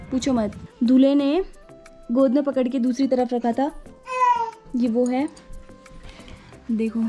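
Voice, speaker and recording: A woman's voice: on the high side, a little mellow. A young woman from the Uttarakhand hills, chatting playfully and teasingly as she narrates her wedding photos. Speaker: vlogger, bride. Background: faint background music.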